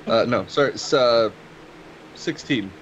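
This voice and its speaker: A man casually chatting as a player at a tabletop game, blunt and deadpan. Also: medium pitch, unhurried, muffled recording, a little hiss or hum.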